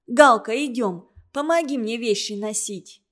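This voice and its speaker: Audiobook part: earnest righteous girl, read by a woman, high, indignant. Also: unhurried. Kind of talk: audiobook character voice.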